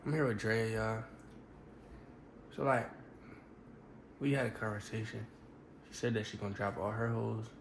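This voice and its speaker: A man vlogger in casual chat, talking in a slangy, low-key way. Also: steady tone, normal speed, gravelly, pauses often. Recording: roomy echo with loud background noise.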